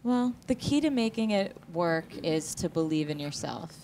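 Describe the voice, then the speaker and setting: A woman's voice: lowish voice, expressive, normal speed, warm tone, slight background noise. A woman comedian appearing as a talk-show guest, answering in an offhand, dry way from a studio couch. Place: TV studio set, seated on a couch. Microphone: handheld mic.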